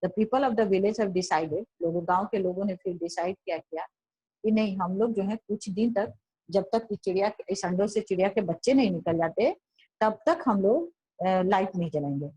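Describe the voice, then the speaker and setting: A woman teacher giving a classroom lesson, reading lines slowly and then explaining them in Hindi, often repeating and rephrasing. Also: medium pitch, warm tone, slightly rough, dry recording, poor audio.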